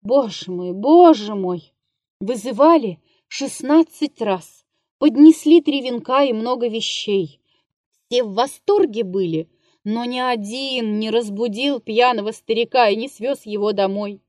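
A woman's voice: on the high side, a little slow, no echo, clean studio sound, lightly acted. Woman voicing Kalkhas, a scared old actor. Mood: plaintive whimpering. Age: 58 (figure). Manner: mutters, shouts in terror, then whimpers. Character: aging drunken male comic actor, frightened and maudlin. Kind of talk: literary audiobook reading.

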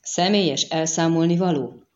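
A woman reading an audiobook and voicing a reserved male monster hunter who speaks calmly and dryly. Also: low-pitched, lo-fi sound, close to an everyday voice. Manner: calm, dry, questioning.

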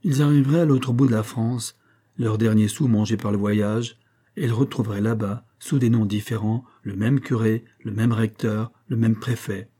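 A male audiobook narrator reads a classic novel in steady, literary phrasing. His voice sits low, dark and mellow in tone, and carries a slightly husky grain. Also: moderate pace. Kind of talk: scripted narration.

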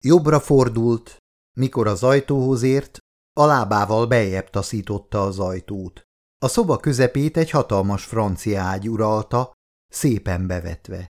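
A man from Hungary reading an audiobook in calm, steady scripted narration. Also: lowish voice.

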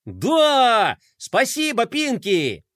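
An always-cheerful young boy hero full of enthusiasm, as a man reads him out. His voice is lifted and lively. The recording is dry and close. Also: extremely high pitch, slow pace, no room sound, pitched above the performer's own voice, full character voice. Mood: excited. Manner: upbeat, enthusiastic.

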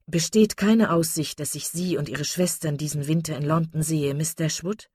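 A woman's voice: low-pitched, fairly even intonation, normal speed, dark tone, husky, no room sound, clean studio sound. A woman voicing a serious, reserved male colonel in a read-aloud novel, formal and grave.

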